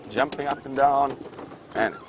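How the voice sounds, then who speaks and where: Speaking at medium pitch and a little slowly, a man leads a live savanna safari from an open vehicle. As the guide of this game drive, he chats about the animals without a script while vehicle noise fills the outdoor recording.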